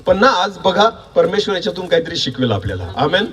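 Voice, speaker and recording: Husky high-voiced man preaching, distant mic. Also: sing-song, a little fast. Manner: repeats questions for the congregation to answer, rising to shouts. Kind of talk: sermon with call-and-response.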